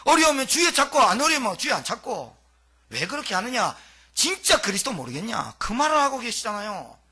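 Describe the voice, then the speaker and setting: A male pastor preaching a dramatic, colloquial sermon, throwing out rhetorical questions. His husky voice sits high and swings widely, very forceful one moment and dropping low the next. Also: very animated, fairly quick.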